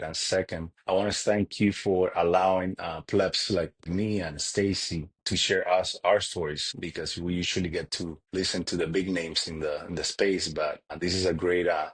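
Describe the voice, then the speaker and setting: A Cuban man appears as a podcast guest in a casual interview, speaking earnestly but haltingly and often restarting his sentences. His voice sits low and sounds husky.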